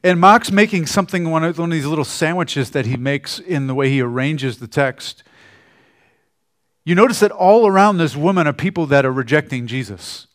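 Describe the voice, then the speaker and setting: A man preaching a sermon in a conversational way, often trailing off softly at the ends of phrases. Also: on the high side, animated, moderate pace. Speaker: pastor.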